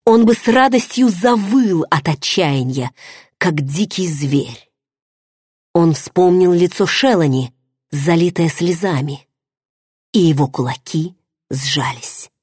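A woman with a low, husky voice reads a romance novel aloud, bringing feeling and drama to each line. The recording is close and dry, with no room sound. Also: lively intonation, slow, a little mellow, no room sound. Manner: emotive, dramatic reading. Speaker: audiobook narrator. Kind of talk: first-person novel narration.

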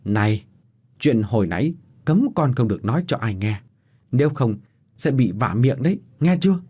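A fussy old woman cook from a spoken story, sharp-tongued and quick to scold, put on by a male narrator. The voice is husky, and its pitch moves a lot. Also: big pitch swings.

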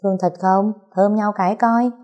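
A woman's voice: medium pitch, fairly even intonation, moderate pace, warm tone, lightly acted. A woman voicing a cheeky, chubby little boy in a storybook reading, with a playful, wheedling child voice. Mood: curious.

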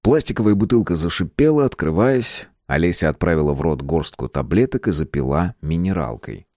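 A man narrating an audiobook in measured storytelling, recorded with a dry, close sound. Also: sits low, lively intonation, a little mellow, no echo. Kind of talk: scripted narration.

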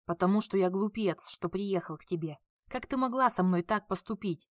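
A woman voicing a bitter, weary, beaten French man who speaks curtly and low. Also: normal speed, no room sound, clean studio sound, natural voice.

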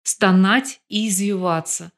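A woman's voice: mid-range voice, takes it slowly. A woman voicing a bold, scheming young woman who mocks and taunts in an audiobook. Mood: mocking. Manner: mocking, brash.

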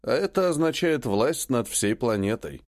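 A man voicing a serious, practical male rebel who speaks in a sober, deliberate way. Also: medium pitch, lively intonation, dry recording, studio quality, natural voice.

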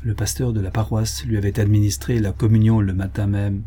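A man reading a classic novel aloud as an audiobook narrator, with measured, steady storytelling. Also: fairly low pitch, slightly rough. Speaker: audiobook reader.

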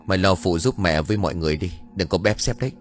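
A man's voice: deep voice, very fast, soft background music, lightly acted. A man voicing a young man, a blunt and bossy elder brother with a scheming streak. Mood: brusque.

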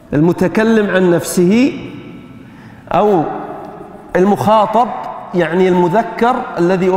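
A man's voice: high voice, darkish tone, roomy sound, big-room sound. A man teaching grammar in a classroom lecture, questioning his students as he explains.

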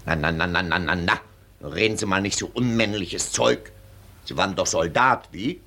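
An older actor playing a pompous, condescending military colonel in a 1940s radio drama, lecturing in a blustering, patronizing way. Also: male voice, low voice, normal speed, gravelly, pushed and bright, exaggerated voice. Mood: brusque.

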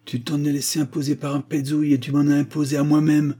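A man voicing a pompous, educated young man who lectures his companion and is quick to take offense. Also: medium pitch, warm tone, husky, close to an everyday voice. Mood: indignant. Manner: lecturing, indignant.

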